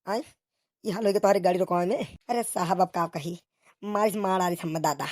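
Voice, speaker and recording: Voicing squabbling village cops for a comic cartoon, a woman speaks a little fast in a natural, low, darkish voice. The banter is exclamatory, colloquial, and grumbling, delivered in rustic dialect with an eastern Uttar Pradesh accent, and the studio-quality recording has no echo.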